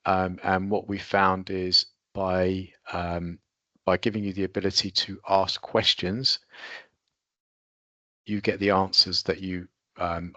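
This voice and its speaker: A man's voice: sits low, bright, forceful tone, no room sound, highs cut off. A man hosting a business webinar over a video call, presenting in a loose, conversational way. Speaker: webinar host. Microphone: computer mic on a video call.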